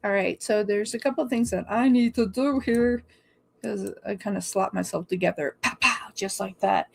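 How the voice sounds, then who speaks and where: A woman's voice: mid-range voice, normal speed, vocal fry. A woman hosting a live tarot stream, chatting casually, greeting viewers by name and laughing often. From Oregon.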